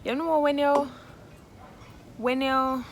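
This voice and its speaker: A woman's voice: sits high, slow pace. A woman with a Jamaican accent telling a casual, gossipy story in Patois, like phone gossip, acting out what was said. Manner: animated retelling with acted-out quotes in Patois. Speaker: storytelling vlogger. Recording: noisy background.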